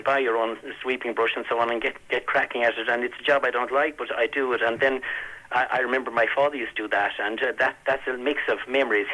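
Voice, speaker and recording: Older man, west of Ireland accent, bright husky voice, reflective poet, radio interview guest. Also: mid-range voice, poor audio. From County Galway, west of Ireland.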